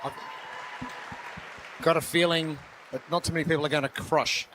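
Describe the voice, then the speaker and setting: A man's voice: fairly high pitch, fairly even intonation, moderate pace, a crowd in the background, noisy background. A man giving live broadcast commentary on a fitness competition. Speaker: sports commentator.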